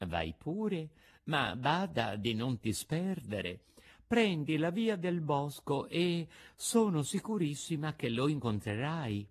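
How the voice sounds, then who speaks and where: Gentle fairy woman, read by a man, soft and calm, storybook reading, lilting delivery. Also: fairly high pitch, slow pace, pitched above the performer's own voice, full character voice. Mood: tender.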